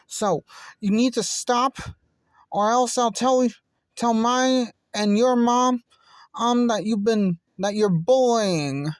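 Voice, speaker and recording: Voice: mid-range voice, takes it slowly, dry recording, studio quality, pitched above the performer's own voice, natural voice. A fan voice actor voicing an earnest teenage boy who wants to be a hero and stubbornly threatens to tell on a bully. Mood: determined. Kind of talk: fan voice acting.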